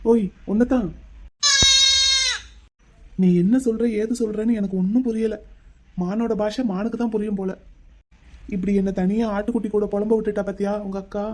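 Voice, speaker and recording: A man's voice: high-pitched, dark tone, a little hiss or hum, lightly acted. A man voicing a young male lead in a cartoon love story, brooding and talking to himself about the girl who ran off. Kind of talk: cartoon voice acting.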